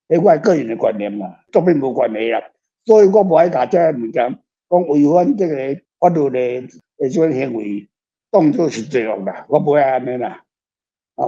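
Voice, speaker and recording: Here a guest author, an older man with a Taiwanese accent, talks in a relaxed, reflective way about his own writing, frequently ending with tag questions. His voice sits a little high and is gravelly, husky and warm, while the audio comes across muffled and a bit dull.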